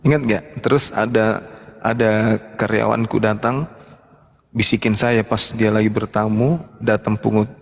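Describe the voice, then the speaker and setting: A man's voice: fairly low pitch, steady tone, unhurried, gravelly, long pauses, big-room sound. A man hosting a live-streamed religious discussion, talking bluntly and with mockery. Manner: blunt, mocking. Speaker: host.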